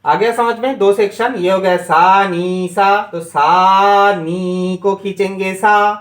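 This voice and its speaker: A man's voice: high-pitched, fairly even intonation, takes it slowly, fairly bright tone. Man teaching harmonica notation, echoey room. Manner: reads out note names, often checks understanding. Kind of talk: step-by-step music lesson.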